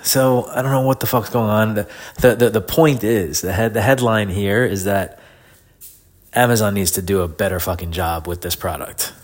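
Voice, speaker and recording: A man's voice: lowish voice, fairly even intonation, moderate pace. A middle-aged man with a grating voice from a head cold and sore throat, casually ranting in an informal, frustrated way as a solo podcast host. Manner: informal, frustrated complaining with swearing. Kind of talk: casual solo rant, diary-like.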